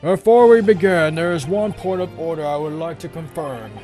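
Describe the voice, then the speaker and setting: A man's voice: fairly high pitch, moderate pace, mellow, soft background music, close to an everyday voice. A man voicing a very old, stern judge in a video game, formal and commanding. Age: very old man, as played. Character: stern old male judge presiding over court.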